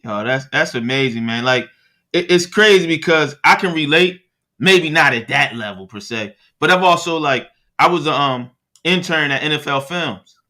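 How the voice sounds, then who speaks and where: Bright-voiced man hosting a casual podcast. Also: a little high, normal speed. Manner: relaxed, friendly slang, trails off searching for words. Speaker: podcast host.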